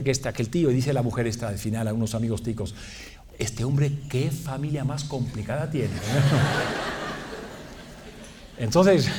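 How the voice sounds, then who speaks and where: A man preaching to a congregation, telling a funny personal story with lots of laughter. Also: on the high side. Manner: animated, joking, often laughing at himself. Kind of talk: humorous sermon storytelling.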